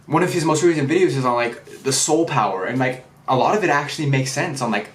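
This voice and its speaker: A young man gives a casual, excitable chat review, full of slang and the odd curse word. His voice sits at an ordinary pitch, and a roomy echo surrounds him. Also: quick pace. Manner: slangy, excitable, swears freely. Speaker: anime and manga reviewer.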